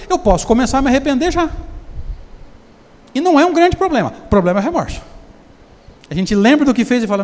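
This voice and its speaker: A man with a Brazilian Portuguese accent giving a conversational seminar lecture, often putting questions to the audience. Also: extremely high pitch. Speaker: spiritist lecturer. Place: lecture hall. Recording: long hall reverb.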